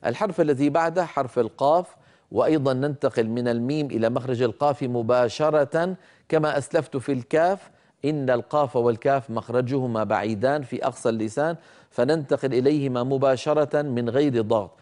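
A man teaching Quran recitation rules, explaining carefully and demonstrating sounds slowly, sometimes scolding common mistakes. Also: mid-range voice, a little mellow. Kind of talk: tajweed lesson with spoken demonstrations.

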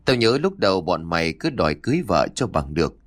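A man's voice: deep voice, big pitch swings. A man voicing Tuấn, a jumpy, argumentative young bachelor out fishing with his friends in a ghost story. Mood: mocking. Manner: quick, nervous, argumentative.

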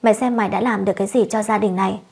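Woman reader as a shrill, scolding young wife; breathy storyteller voice. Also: steady tone, racing, a little mellow. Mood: furious. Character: furious young village wife, sharp-tongued.

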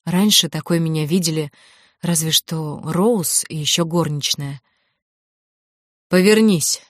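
A woman reading a first-person audiobook in a measured, tense storytelling manner. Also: sits low, steady tone, a bit bright, no echo, clean studio sound. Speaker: audiobook narrator.

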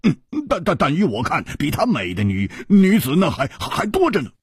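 A man's voice: a little high, huge pitch swings, normal speed, husky, no room sound, clean studio sound, heavily acted. A man doing a cold, proud young woman fighter. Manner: cold, scornful.

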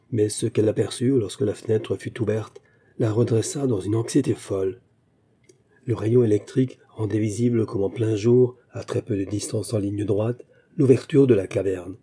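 A man reading a short story aloud in a slow, measured narration. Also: on the low side, mellow, breathy edge. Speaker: audiobook narrator.

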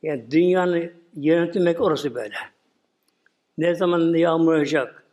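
An older man delivers a loose, rambling religious sermon, his voice sitting a little high for a man. He often repeats filler words and lets phrases sink into quiet mumbles. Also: normal speed. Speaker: Islamic preacher.

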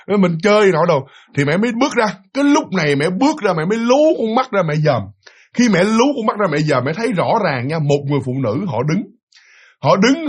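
A man telling a spooky family story to listeners in a chatty, dramatic way, acting out the voices of the people in it. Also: high-pitched. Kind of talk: spoken ghost story telling.

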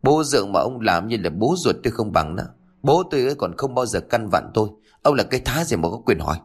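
A foul-mouthed, defiant young man snaps back at his elders in quick, sneering bursts, as a man reads him. His pitch jumps around a lot, and his voice sits low. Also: expressive, breathy edge. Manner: sneering, cursing, fast. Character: rude insolent young man, defiant son.

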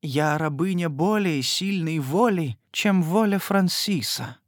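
A man's voice: fairly high pitch, moderate pace, no room sound, studio quality, pitched above the performer's own voice, close to an everyday voice. A man voicing a tearful pleading noblewoman. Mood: pleading, distraught. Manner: tearful, imploring. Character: young noblewoman, timid, frightened, tearful, pleading.

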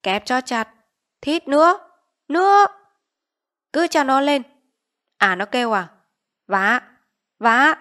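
Woman doing a brutal shouting village chief. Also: high voice, big pitch swings, slow, long pauses, voice pushed up, full character voice. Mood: savage. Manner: barking, yelling orders.

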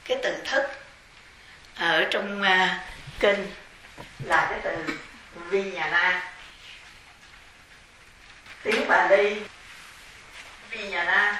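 A woman, a Buddhist nun, giving a measured, explanatory dharma lecture and carefully spelling out terms. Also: medium pitch, bright, forceful tone. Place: large temple hall. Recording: echoey hall, distant mic, faint hiss.

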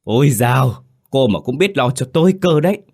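A man voicing a spiteful, shrill old mother-in-law in a narrated folk tale. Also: very animated, brisk, a bit bright, husky, heavily acted. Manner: shrill, biting.

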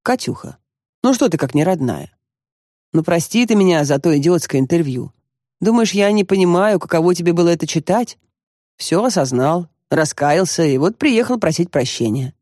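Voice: mid-range voice, expressive, moderate pace, a little mellow, dry recording, studio quality, lightly acted. Reader playing a brooding middle-aged son. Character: troubled grown son, middle-aged man.

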